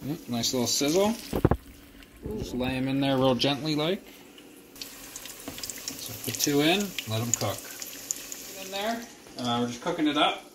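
A man's voice: medium pitch, lively intonation, measured pace, long pauses. Laid-back young man cooking at home. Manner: laid-back, plain-spoken, filler-heavy. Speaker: home cook. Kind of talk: casual cooking demonstration. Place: home kitchen, indoors. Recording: noisy home kitchen with sizzling.

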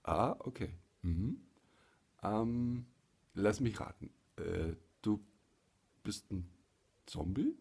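A man in his forties chatting casually to camera in a halting, hesitant way, with a gravelly, husky voice. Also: fairly low pitch, big pitch swings, darkish tone. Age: 40s. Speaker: hobby puppeteer and vlogger. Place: small living room, indoors. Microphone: phone or camera at arm's length.

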